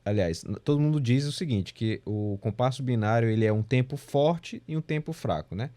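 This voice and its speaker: A man's voice: medium pitch, animated, moderate pace, dark tone. A man teaching a remote music theory class, explaining patiently and counting beats aloud, with frequent tag questions. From Brazil. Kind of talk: remote lecture. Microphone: remote class recording.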